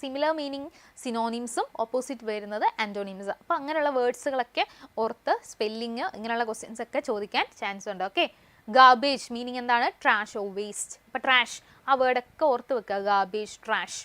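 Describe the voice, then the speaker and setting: A woman English teacher with a Malayali accent, explaining vocabulary and tenses in a live online class, reading English phrases slowly and with stress. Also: on the high side, a bit bright.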